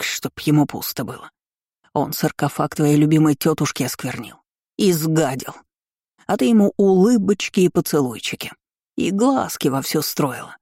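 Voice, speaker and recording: A reader voicing a meddling old woman ghost in an audiobook, scolding in slow, drawn-out, shrill words. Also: a little mellow, dry recording, studio quality. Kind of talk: audiobook role reading.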